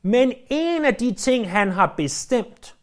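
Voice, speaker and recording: A man preaching a sermon, stressing points loudly and then dropping to hushed, low phrases. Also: animated. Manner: emphatic, swings between loud stresses and hushed low phrases.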